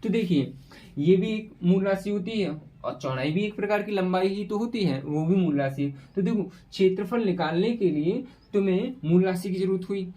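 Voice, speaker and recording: A man teaching a physics lesson at a whiteboard, asking questions and answering them himself, repeating key terms slowly. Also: sits high, dark tone. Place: room with a whiteboard.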